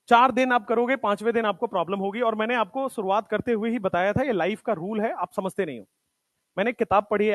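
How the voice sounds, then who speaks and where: Man, coaching teacher, high voice, classroom motivational talk, repeats for emphasis, dry close sound. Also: no room sound. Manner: hinglish, repeats points for emphasis.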